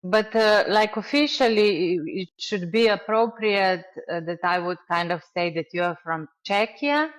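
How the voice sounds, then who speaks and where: A woman's voice: mid-range voice, a little slow, hardly any pauses. Curious woman podcast host asking questions. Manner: curious, asks hedged questions with fillers. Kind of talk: casual interview.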